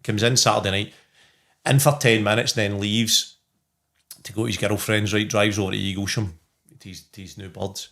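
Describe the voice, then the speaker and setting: A middle-aged man with a Glasgow accent telling casual anecdotes in an animated, sweary way, acting out conversations. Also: lowish voice, normal speed, vocal fry.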